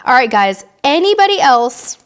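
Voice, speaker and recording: Bubbly high-voiced woman hosting live chat. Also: very animated, clean tone. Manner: bubbly and chatty, quick asides. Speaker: host of a live cruise Q&A. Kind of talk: casual live-stream chat reading viewer comments.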